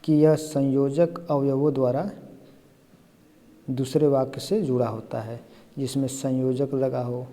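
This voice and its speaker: A man's voice: medium pitch, flat delivery, unhurried, dark tone, long reverb tail. A man teaching Hindi grammar for an exam, explaining each answer step by step and often asking "है ना?" to check along. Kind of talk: exam-prep lesson.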